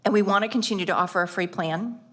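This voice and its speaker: A woman's voice: medium pitch, noisy background. Choked-up earnest woman at a meeting. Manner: earnest, emotional, drawn-out emphasis. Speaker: school board member. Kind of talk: public meeting remarks.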